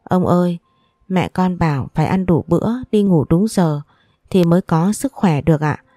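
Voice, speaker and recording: A woman voicing a gentle, affectionate little boy in a storybook reading. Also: fairly low pitch, normal speed, no room sound, clean studio sound, natural voice. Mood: sweet, curious.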